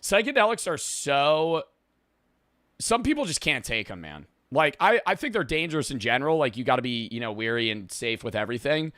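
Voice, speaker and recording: A man's voice: mid-range voice, sing-song, a little fast, fairly bright tone, dry recording. A man streaming a reaction video, telling rambling, profane stories in casual talk.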